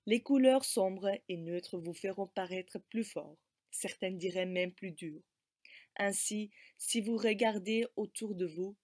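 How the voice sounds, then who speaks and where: A woman giving a scripted presentation of advice in a calm, advisory way. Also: medium pitch, no echo, clean studio sound. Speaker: student presenter.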